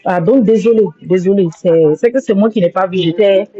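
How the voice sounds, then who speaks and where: On a live stream, a woman apologizes emotionally, rambling and repeating herself. She is a social media livestreamer with a medium-pitched, husky, dark voice at a moderate pace. The recording is dry, dull, lo-fi phone audio.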